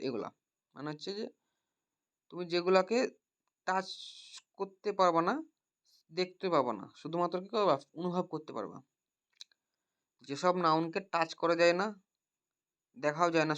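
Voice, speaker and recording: Man tutoring grammar with many checking questions, slightly high voice. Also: a bit bright. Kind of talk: grammar lesson. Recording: dull lo-fi recording.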